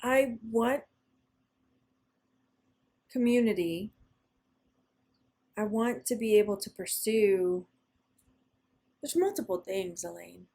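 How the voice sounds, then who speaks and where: A woman co-hosting a casual spiritual podcast, telling stories animatedly and often pausing to search for words. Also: mid-range voice, animated, warm tone, husky. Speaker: podcast co-host.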